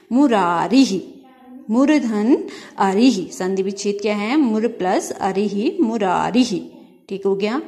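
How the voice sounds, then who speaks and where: A woman teacher giving a grammar lesson, asking questions and answering them herself, slowly stretching out sounds as she spells them. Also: on the high side, darkish tone. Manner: asks questions and answers them herself, repeating key terms; drawn-out syllables when spelling out sounds.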